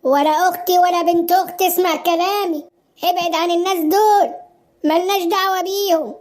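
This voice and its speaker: A woman's voice: very high-pitched, fairly even intonation, fairly quick, a little mellow. A woman voicing an overbearing middle-aged mother in a cartoon, nagging and melodramatic with an Egyptian Arabic accent. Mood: scolding.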